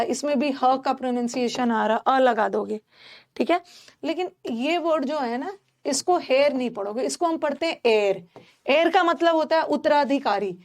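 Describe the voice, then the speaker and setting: A woman teaching a class, explaining pronunciation slowly and repeating each sound for her students. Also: high-pitched. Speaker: English teacher. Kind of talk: classroom lesson.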